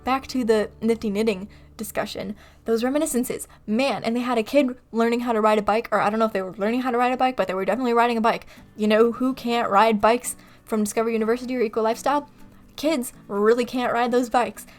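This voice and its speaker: A woman's voice: a little high, steady tone, fast. A woman from California, chatting casually in a voice-over, rambling and laughing at herself as she talks. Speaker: video creator. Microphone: desktop mic on computer recording software.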